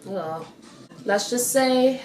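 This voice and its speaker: A woman's voice: on the high side, expressive, extremely slow, a little mellow. A young woman vlogging casually, retelling movie plots and recommending films in a chatty, playful, slangy way. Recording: echoey room with faint music.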